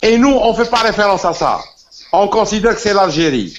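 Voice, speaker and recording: This debate guest from Constantine, with an Algerian accent, talks briskly in a high, lively voice. He argues forcefully in the heated political exchange, insisting and repeating himself, over muffled lo-fi audio with some faint noise.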